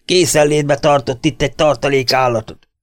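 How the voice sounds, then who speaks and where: A man reading as a shouting bandit chief. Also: medium pitch, steady tone, no room sound, studio quality, voice pushed up, lightly acted. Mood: angry. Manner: shouting orders.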